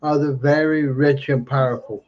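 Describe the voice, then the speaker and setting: A man of medium pitch speaks at normal speed with fairly even intonation, his words slightly slurred because he has no teeth. He delivers an emphatic, unscripted political monologue on a livestream, repeating phrases for emphasis, captured in dull lo-fi audio.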